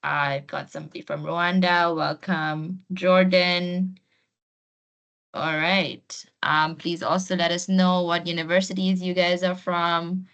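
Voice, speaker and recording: Her voice is fairly low and level, slow and slightly bright, though the recording has its highs cut off. She is the host and trainer of an informal webinar on a video call, encouraging participants to get involved.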